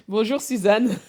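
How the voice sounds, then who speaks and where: A woman's voice: fairly high pitch, a little mellow. A woman hosting a live stream, teasing, laughing often and asking her viewers questions. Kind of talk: mocking live commentary.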